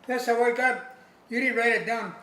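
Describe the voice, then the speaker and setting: An elderly man, a war veteran, recalls his service in an informal interview, haltingly and plainly, repeating himself as he searches for words. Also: very high-pitched, sharp tone. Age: elderly, over 80. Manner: halting, repetitive, plain-spoken recollection with searching pauses. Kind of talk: old veteran remembering, informal oral history. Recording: roomy echo, faint background noise.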